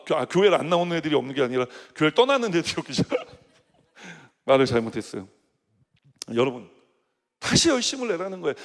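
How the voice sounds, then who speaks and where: A man's voice: high voice, fairly bright tone. A middle-aged male pastor preaching a sermon to young adults, in a conversational way with rhetorical questions and casual asides. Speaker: senior pastor. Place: church hall. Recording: reverberant church hall.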